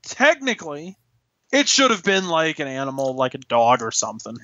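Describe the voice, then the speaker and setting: A man with a high, bright voice co-hosts a casual podcast. He banters and interjects, often repeating words for emphasis. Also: sing-song, moderate pace, muffled recording. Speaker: podcast co-host.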